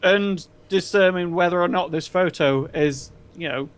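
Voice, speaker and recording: A man co-hosting a casual gaming podcast, relaxed and rambling with lots of fillers. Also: high-pitched, normal speed, smooth. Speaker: podcast co-host. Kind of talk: casual chat.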